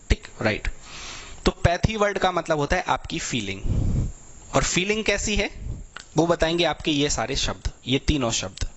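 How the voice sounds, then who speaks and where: A man's voice: on the high side, fairly bright tone. A young man teaching vocabulary to exam students, explaining step by step with everyday examples and a constant "okay" between points. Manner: explanatory, repeats "thik hai" constantly, tells everyday examples.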